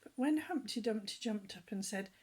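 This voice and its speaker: An older woman reads a children's story aloud, telling it gently and lively, often dropping to soft whispers and asking her young listeners questions. Her mid-range voice has a breathy edge, and she speaks at normal speed.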